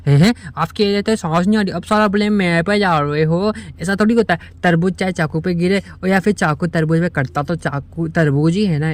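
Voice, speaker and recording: A man's voice: high-pitched, close to an everyday voice. A man voicing a pushy, teasing male spirit who mocks and coaxes in a manga recap. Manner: teasing, mocking, coaxing.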